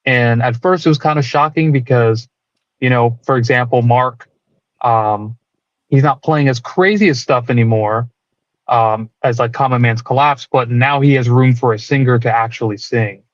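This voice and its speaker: A man's voice: mid-range voice, normal speed, no room sound, highs cut off. A man who plays guitar in a band, talking casually and reflectively about music in a rambling way. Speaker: band guitarist being interviewed.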